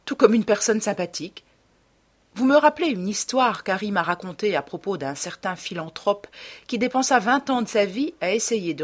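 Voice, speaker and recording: A woman reading the part of a cynical, self-assured young man in an audiobook, in a smooth, detached way. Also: mid-range voice. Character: cold, cynical young male dandy.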